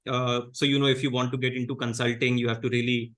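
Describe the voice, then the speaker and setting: A man in his thirties with an Indian English accent, a guest in a casual interview, talking in a measured, low-key way with many fillers and restarts. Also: little pitch movement, a bit bright. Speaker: guest comedian.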